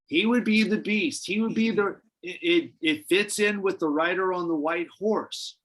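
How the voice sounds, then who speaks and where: A man with a somewhat high voice leads a church Bible study. He talks in a relaxed, musing way, often restarting his sentences as he thinks aloud. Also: moderate pace, rough recording. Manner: conversational, speculative, many restarts. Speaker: pastor.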